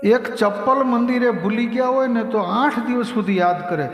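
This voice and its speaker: A man with a Gujarati accent narrates a devotional scripture discourse, acting out the voices in his stories. His voice sits high for a man and carries a long reverb, as if he were recorded in a large hall. Faint instrumental music plays underneath. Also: normal speed. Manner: lively storytelling, acts out quoted voices. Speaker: Bhagavat katha storyteller.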